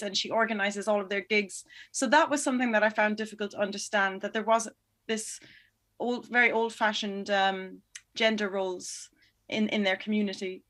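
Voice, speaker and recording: A documentary film director, a woman appearing as an interview guest, talks through her answers thoughtfully and a little hesitantly, pausing and restarting as she searches for words. Her voice is of ordinary pitch and a bit bright.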